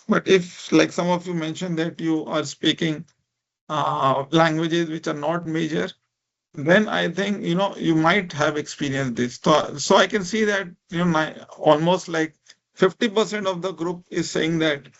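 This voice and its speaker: The sound is lo-fi, carrying a man's highish, creaky, slightly bright voice. A speech technology researcher from India, he speaks accented English as his second language, his first being a minority Indian language, while giving an informal, encouraging interactive online lecture, often asking "right?" and saying "you know."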